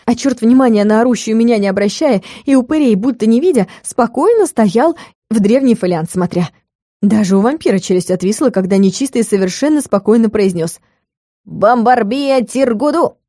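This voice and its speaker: A woman narrating a first-person fantasy audiobook in a lively, expressive storytelling manner. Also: mid-range voice, dry recording, studio quality.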